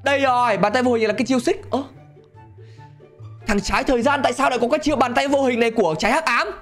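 A man giving excitable gameplay commentary, laughing often and talking straight to his viewers. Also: very high voice, very fast, soft background music. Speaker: gaming channel host.

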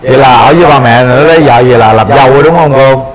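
A middle-aged male host rattles off teasing jokes at a brisk clip. His voice sits mid-range. A loud studio crowd stays audible behind him. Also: medium pitch, poor audio. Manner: teasing, quick joking remarks. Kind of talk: dating show banter.

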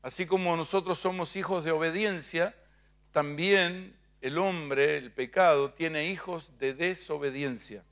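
A middle-aged Argentine man preaching a sermon in church, moving between loud declarations and quiet asides, leading his congregation in call-and-response. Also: a little high, unhurried. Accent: Argentine Spanish. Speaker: pastor.

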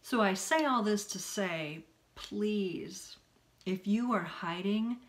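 A middle-aged woman telling a personal story in a candid, animated way, with long run-on sentences. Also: mid-range voice, slow, a little hiss or hum. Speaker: spiritual healing vlogger.

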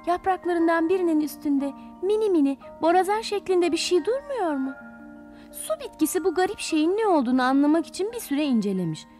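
A woman narrating a children's fairy tale in an expressive storytelling manner. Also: sits high.

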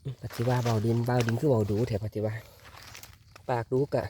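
A man with an Isan Thai accent, narrating a casual foraging vlog in a forest and calling out excitedly to his viewers. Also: medium pitch, normal speed, slight background noise. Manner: excited exclamations, addressing viewers as brothers and sisters. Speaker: foraging vlogger. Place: forest outdoors.

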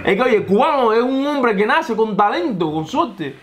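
A man in his thirties co-hosting a reaction show in casual chat, playfully boasting with drawn-out hype lines, on an indoor studio set. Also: very high voice, animated. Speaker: co-host.

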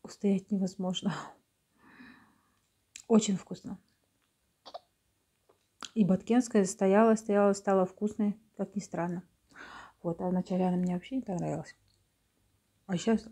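A middle-aged woman chatting casually in a hushed, half-whispered ASMR voice as she hosts an eating session, close to the mic indoors. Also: medium pitch, fairly even intonation, unhurried, pauses often, husky. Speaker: mukbang host. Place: small indoor room.

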